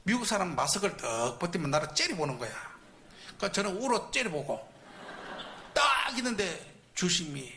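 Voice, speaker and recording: A man preaching tells his story with lots of animation. His voice is high and bright, swinging widely in pitch. He often breaks into shouted reenactments. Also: very animated, moderate pace, slight background noise. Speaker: preacher at a Friday night service. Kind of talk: storytelling sermon testimony. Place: church sanctuary.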